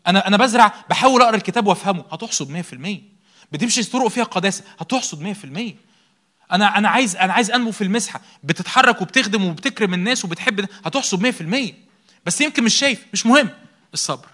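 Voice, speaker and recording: Young Egyptian preacher, bright and brisk, pounding points home with self-answered questions and repeated words. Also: male voice, high-pitched, expressive. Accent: Egyptian Arabic. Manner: rhetorical questions answered by himself, emphatic repetition. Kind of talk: sermon.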